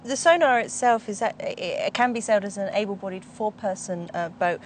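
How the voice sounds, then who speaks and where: A woman interviewing a sailing coach outdoors in a park, asking clear, direct questions. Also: medium pitch, brisk, a little hiss or hum.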